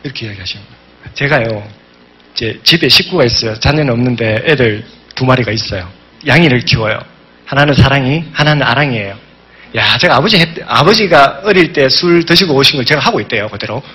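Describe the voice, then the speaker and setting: Animated, bright-voiced man. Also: mid-range voice, a little fast, slightly rough. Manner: emphatic, animated storytelling with acted-out quotes. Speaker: business seminar speaker. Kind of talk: motivational seminar speech.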